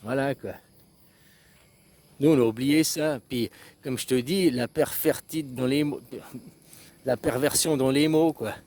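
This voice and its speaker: A man's voice: mid-range voice, measured pace, long pauses, darkish tone. A man in a casual philosophical monologue, rambling and repeating himself, tagging short questions onto his phrases and acting out little example phrases in shifting tones.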